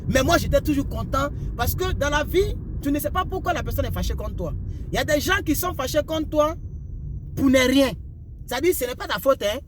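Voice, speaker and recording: Driving his car down the road, this young Ivorian man talks casually in an Ivorian French accent, repeating preachy life lessons and checking with "vous comprenez un peu?". His pitch is extremely high, his delivery expressive and brisk. The recording carries faint car and road noise.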